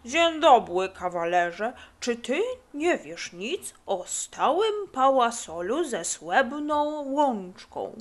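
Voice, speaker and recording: A woman's voice: on the high side, sing-song, takes it slowly. A woman voicing a funny mustached man with mushy speech who turns R into L. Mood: mushy polite.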